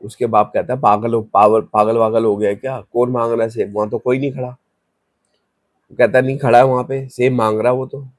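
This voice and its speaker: A man's voice: mid-range voice, little pitch movement, moderate pace, no room sound, studio quality. A man telling a horror story in a loose, conversational way, with restarts, and acting out the story's voices in passing. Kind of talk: casual spoken horror story.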